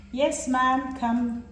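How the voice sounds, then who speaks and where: A woman's voice: sits high, fairly bright tone. A woman vlogger chatting casually with family and viewers as she cooks at home. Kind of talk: casual family cooking vlog chat, switching between English and another language. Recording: noisy home vlog recording.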